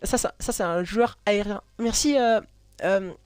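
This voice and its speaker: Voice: mid-range voice, unhurried, darkish tone, clean tone, no echo. Chatty, hesitant live streamer. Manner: chatty, hesitant, many fillers and restarts, laughs often. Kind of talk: casual live-stream chat while playing a game.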